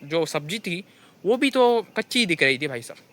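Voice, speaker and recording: A young man with a Hindi accent tells comic stories of his kitchen mishaps, constantly saying "bhai sahab" in an animated monologue. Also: on the high side, moderate pace. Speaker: comedian telling funny stories. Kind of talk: stand-up storytelling monologue.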